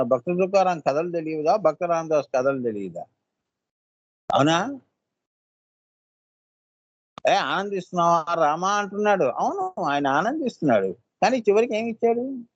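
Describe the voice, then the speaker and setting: High-voiced man giving a devotional discourse. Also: darkish tone, dry recording, dull audio. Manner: peppers talk with rhetorical questions to listeners; acts out short quoted voices of devotees. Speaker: spiritual teacher.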